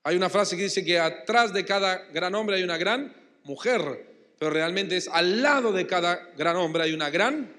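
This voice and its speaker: A pastor from Argentina with a Rioplatense Spanish accent, preaching emphatically and having the congregation repeat and answer. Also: male voice, high-pitched, animated, moderate pace, sharp tone. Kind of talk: sermon. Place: church hall. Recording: long church-hall reverb.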